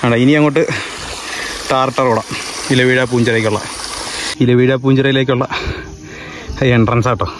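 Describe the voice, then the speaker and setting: A man's voice: medium pitch, steady tone, moderate pace, long pauses. Kerala man vlogging outdoors, Malayalam-English mix. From Kerala, India. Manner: Malayalam mixed with English words. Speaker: travel vlogger. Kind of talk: casual outdoor vlog narration. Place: outdoors on a hill path. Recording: noisy outdoor handheld recording.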